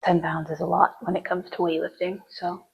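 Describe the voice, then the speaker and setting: A woman's voice: lowish voice, flat delivery, normal speed, vocal fry, darkish tone, breathy edge, low-quality recording. A woman chatting through her gym workout, giving casual lifting tips between sets, sometimes out of breath. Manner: chatty, rambling, with fillers. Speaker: fitness vlogger.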